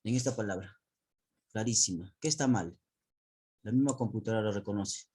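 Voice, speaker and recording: A man's voice: lowish voice, a little fast, dark tone, husky. A man teacher explaining to a class over a video call, often repeating words, restarting phrases and asking questions.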